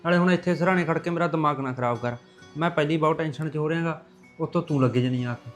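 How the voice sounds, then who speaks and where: A man's voice: fairly high pitch, fast, faint music behind, lightly acted. A man playing an angry brother fretting over his missing sister, in an irritable, brooding way.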